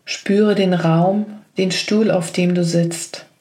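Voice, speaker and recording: Woman doing a guided meditation, low-ish voice, very slow and even. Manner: slow, gentle spoken instructions.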